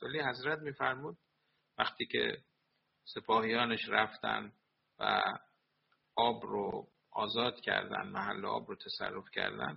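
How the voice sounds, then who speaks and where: Gravelly-voiced man giving a sermon. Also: medium pitch. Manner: explains quoted Arabic sayings line by line in Persian. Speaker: religious lecturer. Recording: dull lo-fi recording.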